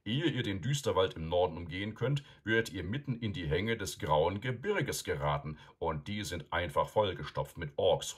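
A man voicing an old male wizard who lectures loudly and sternly, with a deep, husky voice. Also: exaggerated voice. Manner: loud, admonishing, emphatic.

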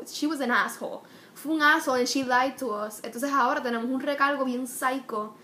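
A woman's voice: sits high, fairly bright tone, slight background noise. A young woman, ranting bluntly and chattily in a casual vlog, swearing freely. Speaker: vlogger.

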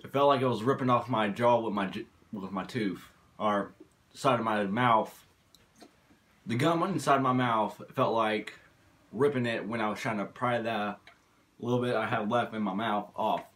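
A man's voice: lowish voice, normal speed, a bit bright. A man in a casual vlog challenge, talking with his mouth full of sour candy. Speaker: challenge eater.

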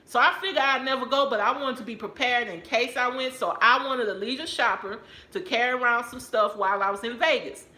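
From her couch at home, a middle-aged Texan handbag vlogger chats playfully with her viewers about a bag she found, addressing them as "y'all." She talks a little fast with hardly any pauses in a slightly high, bright and forceful voice, and the sound is roomy, recorded up close on a camera or phone on a stand.

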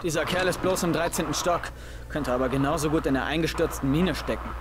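A man's voice: fairly high pitch, fast talker, natural voice. An actor playing a brash young male survivor leader in a video game, curt, impatient and sarcastic. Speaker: game character. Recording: game audio with clear background noise.

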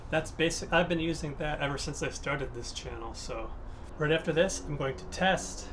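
A man in his thirties talking casually about his DIY gear setup in his home garage, relaxed and chatty with filler words. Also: a little high, moderate pace, noisy background. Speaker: motovlogger.

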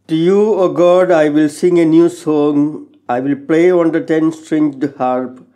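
A middle-aged man reading scripture and psalms solemnly as a lector, in a measured, formal way. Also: fairly high pitch, steady tone, warm tone. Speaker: lector at Mass. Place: small chapel, indoors. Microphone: gooseneck lectern microphone.

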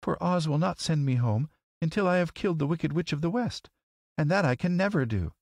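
A man's voice: fairly high pitch, big pitch swings, brisk, creaky, no room sound, studio quality, voice pushed up, heavily acted. A man voicing an earnest, helpless little girl in a storybook, plaintive and pleading. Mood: hopeless. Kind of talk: storybook character voice.

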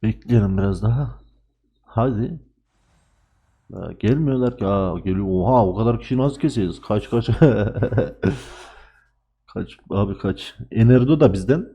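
A man commentating live on his own gameplay, excitable, swearing at and trash-talking his teammates. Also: fairly low pitch, normal speed, long pauses, slightly rough, dull audio. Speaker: gaming channel host.

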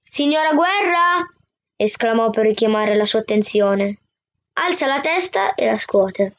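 A woman reading a novel aloud in a steady first-person narration. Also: mid-range voice, unhurried, no echo. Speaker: book reader. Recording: dull, dry lo-fi sound.

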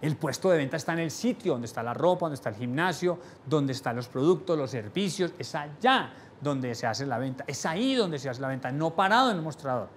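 Animated male sales trainer lecturing. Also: fairly quick, hardly any pauses, a little hiss or hum. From Latin America. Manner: animated, shifts volume for emphasis, drops voice low on key points; rhetorical questions to the audience. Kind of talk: live sales seminar lecture.

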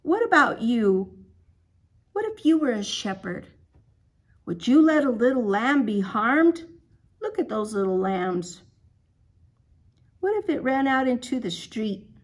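A woman leading a children's Bible lesson, telling a story gently and asking the little ones questions. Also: a little high, big pitch swings, a little slow, long pauses. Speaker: children's program leader.

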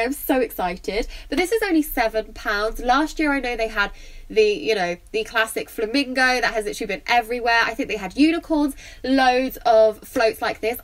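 A young woman talks through a shopping haul in a casual vlog, gushing enthusiastically over everything she picked up. Her voice sits fairly high. A blocked nose leaves it slightly croaky. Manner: gushing, enthusiastic, lots of "I love". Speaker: vlogger.

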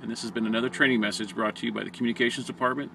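Speaking rapid-fire in a mid-range voice with vocal fry and fairly even intonation, this American man trains fire department communications staff. He walks viewers through a hands-on video step by step in plain instructor language. Amateur camera audio from a close handheld camera or phone picks up noticeable background noise.

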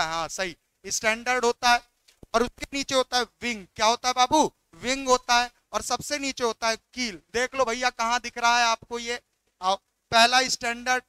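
A man's voice: very high-pitched, pushed and bright, smooth, dry recording. A man teaching biology, walking through exam questions and coaxing students by repeating each question back.

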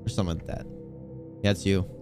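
A man's voice: low voice, flat delivery, fast, over loud music. A man streaming a video game, chatting casually with viewers in a teasing, joking way and laughing often. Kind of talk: casual gaming stream chat.

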